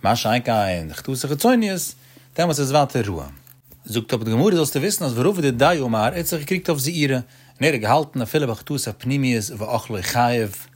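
Casting note: male Talmud teacher, middle-pitched voice, chanting sing-song lecture delivery. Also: lively intonation, fairly quick, slightly rough. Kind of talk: traditional Talmud study lecture.

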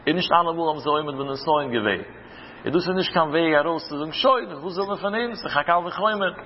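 A man's voice: a little high, expressive, quick pace, a little hiss or hum. A man giving a religious talk as a rabbi, teaching through anecdotes and rhetorical questions. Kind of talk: religious lecture with stories. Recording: reverberant hall, dull lo-fi sound.

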